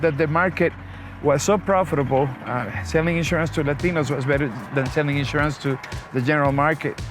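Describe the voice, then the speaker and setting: A man's voice: fairly high pitch, steady tone, fairly quick. Talkative man from Costa Rica. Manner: friendly, talkative, many restarts. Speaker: guest. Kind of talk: conversational interview. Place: outdoors in a vehicle. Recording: music playing behind.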